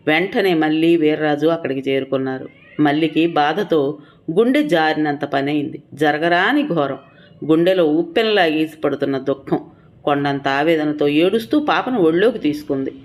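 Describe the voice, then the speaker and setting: Low-voiced woman narrating a story. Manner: steady, earnest storytelling. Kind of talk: scripted narration of an audio story.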